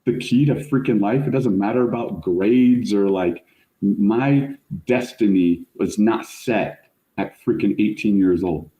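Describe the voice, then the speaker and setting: Middle-aged male guest, storyteller, slangy and animated, warm dark tone, roomy sound. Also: on the low side, unhurried. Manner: animated, slangy, says "like" and "bro" often. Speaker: guest, fire service chief officer. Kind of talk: casual storytelling in podcast interview. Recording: roomy echo.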